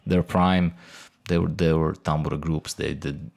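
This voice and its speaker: Deep gravelly man hosting an interview. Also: steady tone, a little mellow. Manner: curious, halting questions. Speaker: podcast host. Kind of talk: casual interview.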